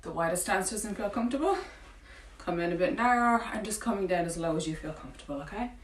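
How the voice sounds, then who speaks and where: A woman fitness coach leading a home workout, encouraging and cueing breaths, with a morning croaky voice. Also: medium pitch, lively intonation, fast talker, a little hiss or hum. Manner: encouraging, counting through exercises. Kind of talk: guided home workout instruction. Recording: roomy, from a distance with faint ambience.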